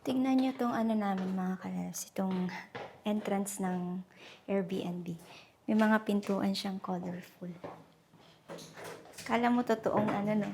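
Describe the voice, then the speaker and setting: A woman's voice: mid-range voice, a little slow, vocal fry, long pauses, a little mellow, slight background noise. A young woman, chatting casually in a travel vlog, switching between Tagalog and English and laughing often as she walks city streets. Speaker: travel vlogger.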